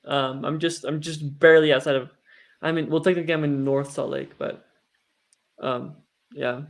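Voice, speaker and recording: American male, slightly high voice, loose rambling delivery, casual stream chat. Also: steady tone, normal speed, creaky. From Utah, United States. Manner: rambling, frequent "like" and "you know".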